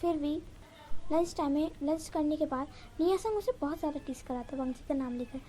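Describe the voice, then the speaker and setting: High, mellow-voiced woman retelling a story. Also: a little fast. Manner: chatty, strings events together with "so". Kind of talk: casual retelling of a fan story.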